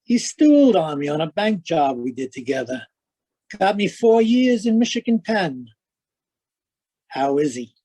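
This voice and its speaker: Villain: menacing gunman for noir audio drama, higher-pitched, unhurried, taunting gangster patter. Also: big pitch swings, dark tone, husky, exaggerated voice. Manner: slow, taunting gangster slang, calls people pal. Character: bald male gunman, menacing, taunting ex-convict killer. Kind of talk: noir radio-play acting.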